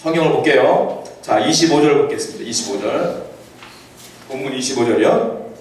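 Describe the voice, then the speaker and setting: A male pastor preaching a sermon in a conversational way, asking his congregation rhetorical questions and reading scripture aloud slowly. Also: medium pitch. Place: church sanctuary. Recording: echoey church hall from a distant mic.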